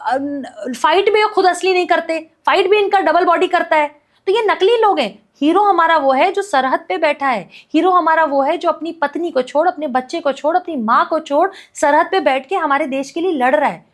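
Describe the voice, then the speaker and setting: A woman activist speaking as a podcast guest, making her case in a forceful, repetitive, rhetorical way. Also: extremely high pitch, moderate pace. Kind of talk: impassioned podcast commentary.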